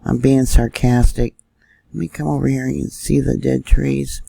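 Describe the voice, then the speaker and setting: A man's voice: mid-range voice, little pitch movement, moderate pace, creaky, dark tone, husky, no room sound. A man talking casually while he shows maps and camera views on screen, thinking aloud with fillers as he goes. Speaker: news vlogger. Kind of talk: casual screen-share commentary.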